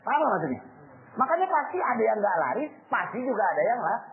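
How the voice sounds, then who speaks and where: A man's voice: high voice, very animated, fast talker. A man gives a casual sermon to young people, using slang and asking his listeners rhetorical questions. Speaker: religious teacher. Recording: tinny phone-like line, faint noise.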